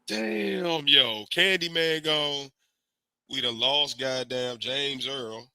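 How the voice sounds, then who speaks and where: Speaking slowly in a medium pitch, this man hosts a podcast through a remote stream mic, and the recording is dry and studio quality. He has a cold but keeps the chat casual, animated and full of slang.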